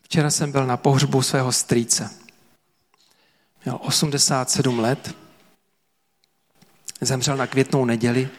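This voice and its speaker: A man preaching a sermon as pastor to a church congregation, earnest and emphatic with dramatic pauses. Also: mid-range voice, little pitch movement, big-room sound. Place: church service before about 300 people.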